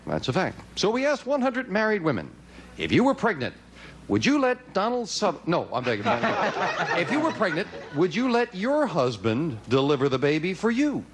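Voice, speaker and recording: Animated, high-pitched male game show host. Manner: announces results emphatically. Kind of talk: upbeat game show hosting. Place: television studio with audience. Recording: noisy studio audience recording.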